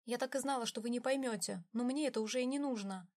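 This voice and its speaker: A woman's voice: a little high, fast, a little mellow, natural voice. A woman voicing a desperate young woman who pleads through tears and then stands firm in her choice. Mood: resolute. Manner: pleading, tearful.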